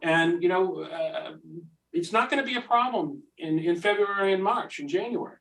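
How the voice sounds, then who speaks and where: Guy complaining at a town planning board meeting, kinda high voice, sounds a bit far from the mic, lots of you know and restarts. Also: animated, normal speed, fairly bright tone. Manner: heated, repetitive, many fillers and restarts. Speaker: public commenter at a planning board hearing. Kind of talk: public comment at a town meeting.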